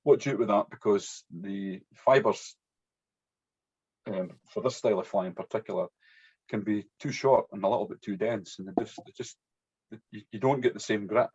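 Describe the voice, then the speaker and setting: With a darkish, breathy voice on the low side and a normal speaking speed, this fly-tying instructor walks through an informal hands-on demonstration. He speaks in a strong, broad Scottish accent, chatting away and regularly tagging sentences with "yeah." The audio is lo-fi, dull and muffled.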